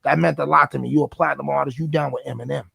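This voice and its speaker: A man with a thick New York accent and a deeply gravelly, raspy voice, pitched a bit high for a man. He tells animated, profane stories as a guest rapper in a casual sit-down chat, recorded dry and close. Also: very fast, dry recording. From the Bronx, New York. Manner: animated storytelling, swears freely.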